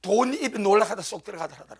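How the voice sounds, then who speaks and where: A man's voice: high voice, fast, slightly rough. A man preaching a sermon as pastor, fervent and emphatic, often calling out amen.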